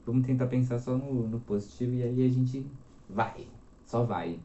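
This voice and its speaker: A man in his twenties from Minas Gerais, talking as a guest in a casual interview and telling his story in a chatty, lively way. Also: medium pitch, normal speed, reverberant, muffled recording. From Minas Gerais, Brazil. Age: 20s.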